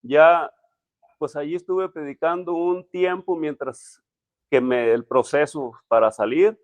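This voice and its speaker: A man, a pastor, telling his personal testimony in a halting, emotional way with many restarts. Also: a little high, no room sound. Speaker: pastor, interview guest.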